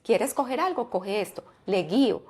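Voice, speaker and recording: A woman's voice: mid-range voice, lively intonation, normal speed, a little mellow, breathy edge. A woman psychologist, explaining parenting ideas in a podcast interview, often asking rhetorical questions. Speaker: psychologist and parenting expert guest.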